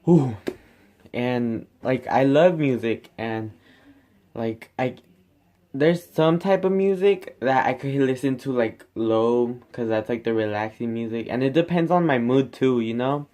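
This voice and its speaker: Young guy vlogger, mid-pitched smooth voice, griping sarcastically to camera. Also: expressive, unhurried, dark tone. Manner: sarcastic, exasperated, filler-heavy with lots of "like". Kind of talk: casual rant to camera.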